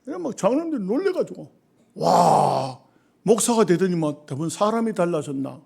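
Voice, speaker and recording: A middle-aged man, preaching a sermon and telling stories, moving between hushed remarks and loud exhortation. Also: high voice, sing-song, normal speed, creaky, slightly rough. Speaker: pastor.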